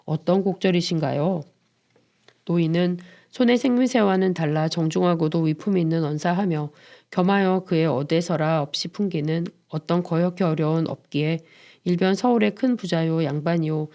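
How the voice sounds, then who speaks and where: Low mellow woman reading a story. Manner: measured storytelling narration. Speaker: volunteer reader. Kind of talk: literary book reading.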